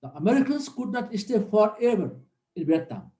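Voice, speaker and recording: A middle-aged man from Nepal gives an earnest classroom lecture as a military instructor, repeating key points for emphasis. His voice sits high and sounds sing-song with a dark tone, at a moderate pace, and the recording has a roomy echo.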